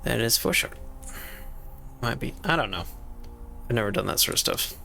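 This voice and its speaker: A man's voice: mid-range voice, expressive, moderate pace, creaky, bright, forceful tone, faint music behind. A man chatting casually to himself as he streams a game, rambling about his inventory and stream problems. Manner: rambling, talks to himself while playing. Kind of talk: casual gameplay commentary.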